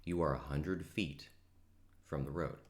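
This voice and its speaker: A man's voice: rumbling low, measured pace. A young man narrating as game master, casually explaining rules and laughing easily.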